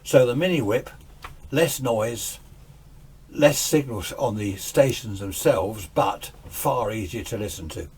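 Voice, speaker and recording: A British man, an amateur radio hobbyist, gives a casual, off-the-cuff demonstration in his home radio room, rambling conversationally. His voice is medium-pitched, slow and a little mellow. The room is noisy, with radio static in the background.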